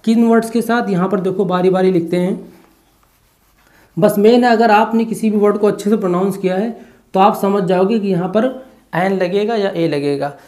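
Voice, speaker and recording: A teacher giving an exam-prep lesson, stepping through each point by asking a question and then answering it, and checking in often with a quick "okay". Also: mid-range voice, mellow. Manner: asks and answers own rhetorical questions.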